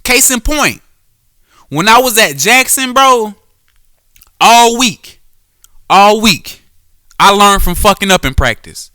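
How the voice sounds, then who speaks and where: A man's voice: high voice, expressive, takes it slowly, long pauses, sharp tone, dry recording, clean studio sound. A man hosting a solo podcast, talking casually and profanely about sports, with frequent restarts and self-corrections. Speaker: podcast host; former quarterback.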